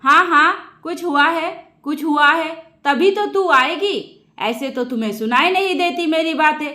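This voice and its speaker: A woman voicing a domineering middle-aged mother-in-law who yells commands. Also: high voice, a little slow, roomy sound. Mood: bossy. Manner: bossy, yelling commands.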